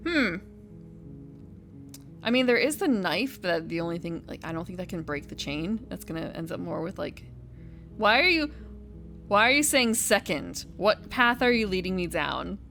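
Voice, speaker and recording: A woman's voice: lowish voice, sing-song, moderate pace, pushed and bright, soft background music. A woman giving chatty, playful live commentary as she plays a video game. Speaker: game streamer. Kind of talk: casual live playthrough commentary.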